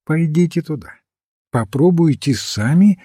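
A man voicing a mild, thoughtful old priest-detective who calmly reasons a case through, in a storybook reading. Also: a little high, measured pace, breathy edge, no echo, clean studio sound. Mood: explaining. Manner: calm, reasoning, gently explaining. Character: mild, thoughtful elderly male priest-sleuth.

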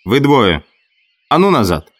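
Man doing a bossy shouting boy chief. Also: medium pitch, sing-song, measured pace, pitched above the performer's own voice. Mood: barking orders. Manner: shouted commands.

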